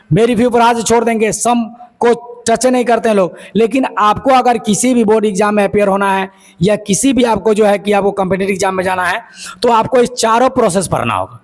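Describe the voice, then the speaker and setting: A man teaching English grammar as a lecture, explaining step by step and asking and answering his own questions. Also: high voice. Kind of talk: classroom lecture.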